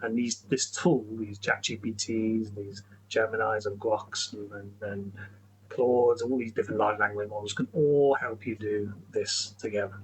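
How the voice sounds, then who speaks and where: A man's voice: fairly low pitch, steady tone, moderate pace, poor audio. Guy rambling thru a screen demo, faint hum behind him. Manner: chatty, rambling, lots of restarts and "okay, so". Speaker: tech educator. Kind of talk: screen-recorded tutorial.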